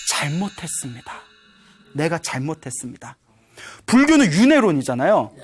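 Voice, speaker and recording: A woman Buddhist teacher giving a humorous sermon, telling a story and often prompting her audience. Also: mid-range voice. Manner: lively, keeps prompting the audience, chuckles.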